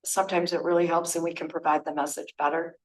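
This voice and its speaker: Hoarse woman, earnest and rambling. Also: sits low, level tone, fast, poor audio. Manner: earnest, rambling, searches for words. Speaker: resident speaking at public comment. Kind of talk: public comment at a township board meeting. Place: township meeting room.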